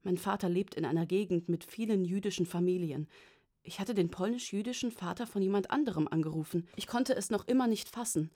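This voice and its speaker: A woman narrating a first-person story as an audiobook, in an even, measured way. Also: medium pitch.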